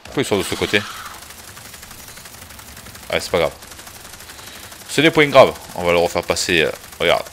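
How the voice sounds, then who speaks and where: A man with a fairly low voice gives casual live commentary while playing a video game. He chats freely, swears, and greets newcomers to the stream. A faint hiss sits under the recording. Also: a little fast, pauses often, a bit bright. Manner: chatty, swears, greets chat.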